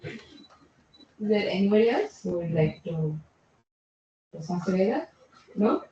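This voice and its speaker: A woman's voice: medium pitch, sing-song, a little slow, warm tone, a little hiss or hum. A woman hosting a club meeting, chatty and teasing as she calls on people. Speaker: meeting host. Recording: echoey room, far from dull mic.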